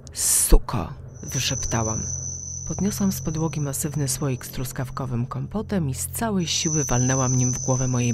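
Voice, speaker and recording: A woman narrating a first-person audiobook in a slow, emotional, intimate manner. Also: extremely low pitch.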